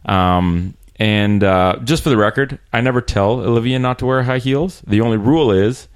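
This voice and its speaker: Male podcast host, lowish voice, conversational and halting, recorded in a small room. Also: clean tone. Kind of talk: casual interview chat. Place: small room in a rented apartment.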